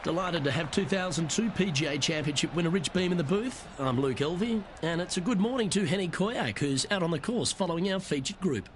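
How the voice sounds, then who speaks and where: A man's voice: on the high side, animated, fairly quick, few pauses, close to an everyday voice. A man as a golf commentator, calling play-by-play for a video game tournament. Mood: composed, pleasant. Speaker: golf commentator, lead announcer. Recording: outdoor crowd noise behind commentary. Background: crowd and outdoor course ambience.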